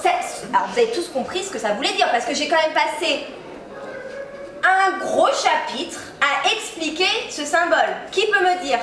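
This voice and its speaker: A woman's voice: high voice, lively intonation, moderate pace, crowd noise. A hypnotized woman on stage lecturing with grand, indignant self-importance, often laughing. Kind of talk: lecturing as a self-proclaimed physicist. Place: stage in front of an audience. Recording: echoey room, mic far off, audience noise.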